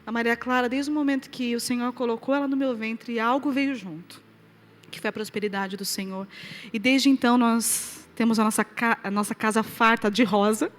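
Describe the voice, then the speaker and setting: At a moderate pace, a Brazilian woman preacher with a high voice and Brazilian Portuguese accent shares a lively testimony before a live audience. Her storytelling surges into loud, high exclamations, falls into soft asides, and she laughs along.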